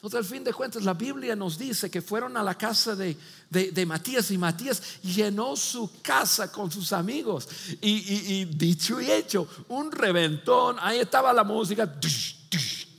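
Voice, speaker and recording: A male pastor preaching a sermon, telling a story with lively acted-out voices and frequent restarts. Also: high-pitched, normal speed, creaky, slightly rough, big-room sound. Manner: animated storytelling, acts out voices, many restarts.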